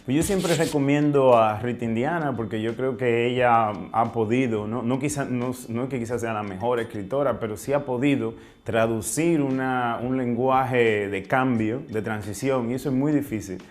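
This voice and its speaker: With a medium-pitched voice, this Dominican writer talks at a moderate pace with few pauses during an interview. His Dominican Spanish accent colors his reflective answers, and he frequently hunts for words and closes phrases with question tags.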